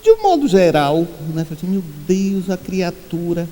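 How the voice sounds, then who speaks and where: A man giving a spiritual talk to a congregation, telling humorous anecdotes and acting out the quoted voices in a high pitch. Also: huge pitch swings, moderate pace, warm tone, long reverb tail. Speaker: spiritual speaker. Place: meeting hall.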